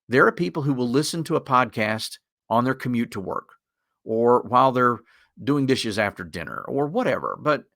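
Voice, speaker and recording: A man's voice: medium pitch, fairly bright tone, no room sound, studio quality. A man with a Southern Appalachian accent giving an informal, conversational instructional webinar in a folksy manner. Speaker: webinar presenter.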